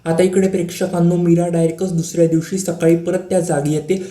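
A man's voice: fairly high pitch, level tone, fast, dark tone. A man casually recapping the latest episode of a TV serial, often turning to address the viewers and repeating stock words. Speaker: TV serial update narrator. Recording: roomy echo.

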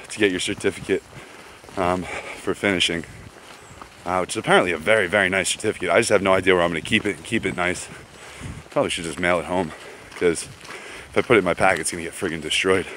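A man with a low voice talks to his camera as he walks a woodland trail. His speech is relaxed and rambling, full of slang and fillers, with faint outdoor noise underneath. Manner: laid-back, rambling, slangy, many fillers. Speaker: vlogger walking a pilgrimage route. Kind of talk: casual walking vlog.

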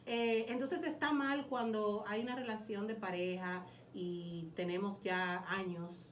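A woman's voice: mid-range voice, steady tone, unhurried, recorded from a distance, slight background noise. A woman, a co-host asking questions in a hesitant, searching way. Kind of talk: talk-show questions. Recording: roomy sound, away from the mic.

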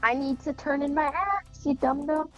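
A woman's voice: high-pitched, moderate pace, faint music behind. A woman playing a co-op game from bed, talking bluntly and bossily through earbuds. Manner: blunt, bossy, swears. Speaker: co-op player. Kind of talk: casual co-op gameplay chat. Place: in bed at home. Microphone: AirPods.

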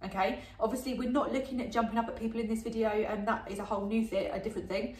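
A woman's voice: a little high, fairly even intonation, quick pace. A woman teaching dog training at home, chatty, often saying "um" and checking "okay?" as she explains each step. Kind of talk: instructional demonstration. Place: home indoors. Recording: echoey room, voice from a distance.

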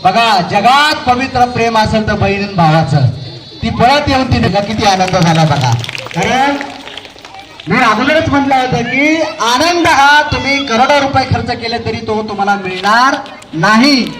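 A man's voice: extremely high pitch, animated, normal speed, background noise. A man hosting comedy games for children at a community celebration, joking with and coaxing the kids. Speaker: event host running children's games. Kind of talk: live comedy game hosting. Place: outdoor community celebration stage. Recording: echoey PA sound with crowd.

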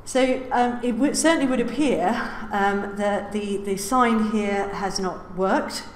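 A woman's voice: mid-range voice, slow. A woman giving a public lecture from a lectern, with many "uh"s and the odd wry aside. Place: lecture hall. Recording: roomy lecture hall reverb, faint hiss.

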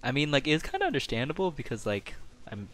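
A man's voice: medium pitch, wildly swooping pitch, quick pace, a bit bright, soft background music. A young man with a Midwestern accent chatting casually and joking while playing a game, swearing freely and laughing often. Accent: Midwestern American. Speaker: gamer host. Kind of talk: casual gameplay chat.

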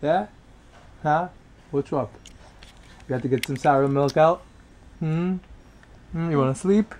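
A woman's voice: deep voice, takes it slowly, a little mellow, a little hiss or hum. A woman filming a family vlog, talking playfully and coaxingly to a baby. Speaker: vlog host, parent. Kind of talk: casual family vlog chat.

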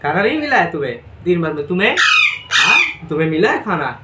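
Man coaxing parrots, lively voice, roomy. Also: fairly high pitch, fast talker, recorded from a distance, heavy background noise. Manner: coaxing, teasing, asks the same question over and over. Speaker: vlogger talking to his pet parrots. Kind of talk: casual talk to pets. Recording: roomy, from off mic, loud bird squawks behind. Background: parrots squawking.

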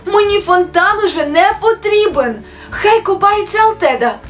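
A woman voicing a sickly witch who has suddenly been cured, crying out in a high, excited voice. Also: normal speed, soft background music. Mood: overjoyed. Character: sickly witch suddenly healed, shrill and joyful.

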